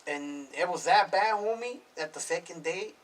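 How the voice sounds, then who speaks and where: In a casual interview, a thirtysomething music producer guest speaks at normal speed in a high-pitched voice. He swears and uses slang, dropping "bro" and "homie" all the way through, recorded on a distant mic with faint noise.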